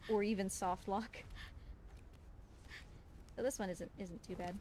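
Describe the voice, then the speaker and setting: This speedrunner and livestream host has a medium-pitched, steady, dark-toned voice and talks a little slowly. She gives casual, chatty commentary that explains her play, addressing both viewers and the game creature. Game sound runs behind a clearly noisy recording.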